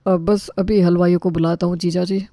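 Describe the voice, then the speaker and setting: A woman's voice: lowish voice, little pitch movement, a little fast, dark tone, no echo, clean studio sound, close to an everyday voice. A woman voicing a flustered middle-aged man hosting a wedding in a cartoon, harried and placating. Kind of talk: cartoon voice acting.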